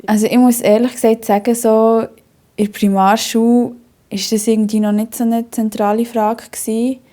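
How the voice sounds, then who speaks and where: A young woman with a Bernese Swiss German accent tells her own story in an interview, her warm, higher-pitched voice level and moderately paced. She talks at length with many fillers and restarts, often breaking into hearty laughter.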